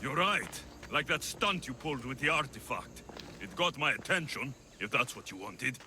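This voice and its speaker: A man's voice: mid-range voice, lively intonation, moderate pace, sharp tone, soft background music. A man playing a bitter, menacing young warrior in a video game, hostile and sneering. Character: bitter, menacing young male warrior, estranged brother Alexios. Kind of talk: dramatic video game acting.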